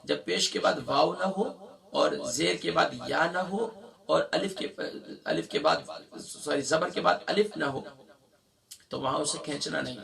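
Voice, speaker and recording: A man with a sore throat teaching a Quran recitation lesson, spelling out words syllable by syllable and slowly drawing out the verses between quicker explanations. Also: fairly high pitch, creaky, a bit bright, far from the mic.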